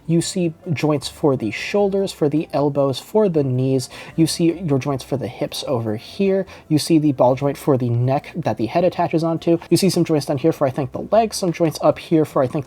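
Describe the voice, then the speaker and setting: A man's voice: fairly high pitch, mellow. A man narrating an unboxing and review of a model kit, walking through the parts in a casual, methodical way and often hedging with "I think.".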